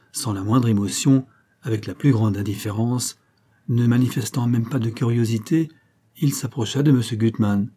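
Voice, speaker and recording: A man reading a novel aloud in a measured, steady storytelling manner. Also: lowish voice, husky. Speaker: audiobook narrator. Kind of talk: scripted narration.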